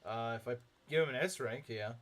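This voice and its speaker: A young man streams a game in a slightly bright mid-range voice, talking fairly quickly. He reads chat aloud and rambles casually through his thoughts, leaning on filler words and chuckling a lot.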